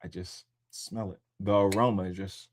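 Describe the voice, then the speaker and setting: A man who was born in upstate New York and raised in the DC area, hosting a casual livestream talk. He is loose and profane, and he mocks other people in high squealing voices. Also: flat delivery, moderate pace, a little hiss or hum. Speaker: livestream host. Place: home in Columbus, Ohio.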